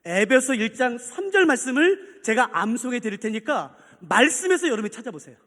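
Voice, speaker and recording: A male pastor preaching a sermon in a large church, telling an anecdote and acting out its people with sudden shouts. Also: extremely high pitch, a little fast. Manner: animated storytelling, acting out characters with shouts. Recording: long church reverb.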